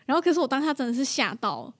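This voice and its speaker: A young mother tells a story in a casual chat, animated and laughing often. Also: high-pitched, rapid-fire. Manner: animated, laughs often, acts out her own reactions.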